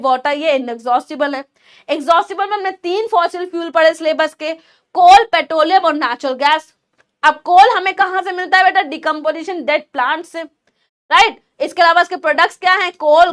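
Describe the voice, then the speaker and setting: Woman, young adult, high voice, online chemistry teacher, Indian English words, asks herself questions. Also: a bit bright. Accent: Indian English mixed into Hindi. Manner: addresses students as beta, asks and answers her own questions. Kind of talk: live online class lecture.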